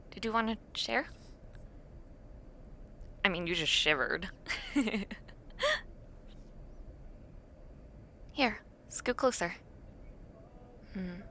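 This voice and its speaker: A woman with a bright, forceful, mid-range voice plays an awkward, imaginative young university dormmate in a casual, intimate audio roleplay. She chats hesitantly and self-deprecatingly in a cosy, friendly mood, with slight background noise.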